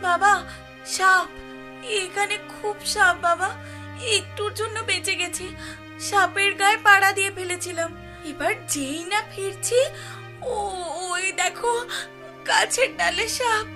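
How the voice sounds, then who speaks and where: A woman's voice: very high voice, a little slow, pauses often, sharp tone, faint music behind, exaggerated voice. A woman voicing a worried cartoon mother. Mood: terrified crying. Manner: pleading, anxious. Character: worried mother and frightened young daughter.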